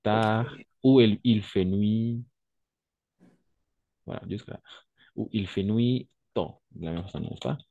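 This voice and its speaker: A man's voice: on the low side, takes it slowly, long pauses, warm tone, no echo, lo-fi sound. A man teaching a French lesson online, patiently repeating examples and often checking that his students follow.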